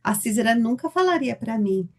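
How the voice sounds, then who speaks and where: A woman speaking casually in a church group discussion, lively and laughing through her examples. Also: on the high side, moderate pace. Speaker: Bible study participant.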